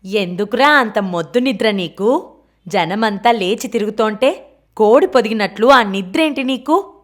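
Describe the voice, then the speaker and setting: A woman voicing a sharp-tongued older aunt who scolds her lazy nephew, read in an audiobook. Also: mid-range voice, lively intonation, measured pace, lightly acted. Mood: scolding. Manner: scolding, reproachful.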